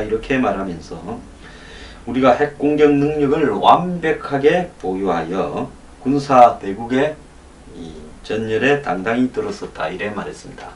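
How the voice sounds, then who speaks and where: A man giving emphatic political commentary in short phrases, his diction slightly slurred by lingering dental anesthesia. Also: fairly low pitch. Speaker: commentator hosting a security talk. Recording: echoey room, distant mic, faint noise.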